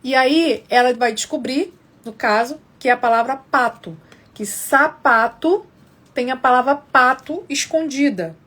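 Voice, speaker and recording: A woman's voice: high-pitched, expressive, moderate pace, fairly bright tone. A woman explaining literacy games step by step in a casual live lesson, often checking in with viewers. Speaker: educator teaching literacy games.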